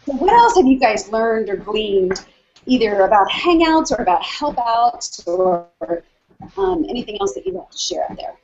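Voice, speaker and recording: Husky woman on a lo-fi video call. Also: a little high, sing-song, normal speed, darkish tone. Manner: chatty, many ums and restarts. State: slightly out of breath from walking. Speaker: hangout host. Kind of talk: casual video call chat. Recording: dull lo-fi video call audio.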